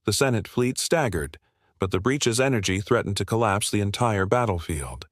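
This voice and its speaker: A man narrating a scripted sci-fi war story in a steady, dramatic way. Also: lowish voice, normal speed, no echo, studio quality.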